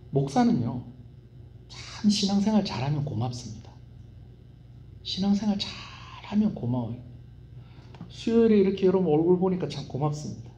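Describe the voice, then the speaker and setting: Animated pastor preaching. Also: male voice, on the high side, a little hiss or hum. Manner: animated, asks the congregation questions. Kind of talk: Wednesday evening sermon. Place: church sanctuary. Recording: roomy church hall echo.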